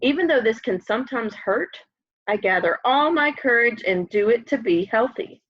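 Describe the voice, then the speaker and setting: A woman's higher-pitched voice, full of lively intonation and at a normal speed, reads a children's story expressively from a room at home beside a window. She uses simple speech aimed at small children, and the webcam sound is lo-fi and a bit dull.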